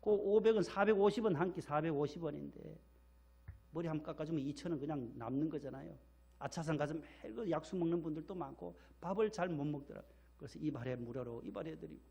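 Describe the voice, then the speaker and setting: High gravelly middle-aged male pastor. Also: darkish tone. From Gyeongsang region, South Korea. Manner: folksy anecdotal storytelling, repeats phrases for emphasis. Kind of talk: sermon.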